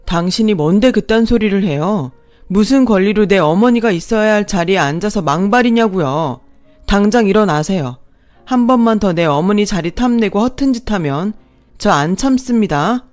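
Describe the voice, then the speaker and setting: A woman's voice: medium pitch, lively intonation, moderate pace, darkish tone, soft background music, lightly acted. A woman narrator voicing a young groom who speaks in a firm, commanding way. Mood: angry. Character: young groom, protective, angry man.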